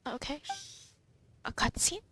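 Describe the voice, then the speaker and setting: A woman streamer reacting casually and excitedly to a game, often exclaiming. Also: measured pace, no room sound.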